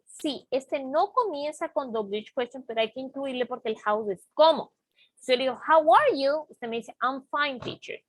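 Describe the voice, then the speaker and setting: A woman teaching an English class, explaining grammar slowly and patiently and checking often that students follow. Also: high-pitched, dry recording. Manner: slow, patient explaining with frequent check-ins. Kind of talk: online class lesson.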